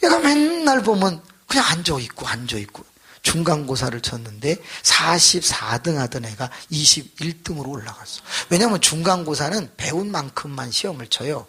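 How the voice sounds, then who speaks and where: A man pastor preaching a revival sermon, telling a story with animated, acted-out voices. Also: a little high, normal speed, husky.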